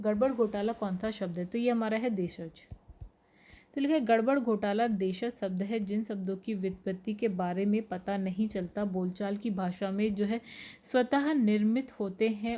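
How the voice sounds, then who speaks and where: Mellow-voiced woman teaching an exam-prep lesson. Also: mid-range voice. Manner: explains answers in a steady listing way, with fillers. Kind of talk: exam-prep lesson, reading questions and word lists.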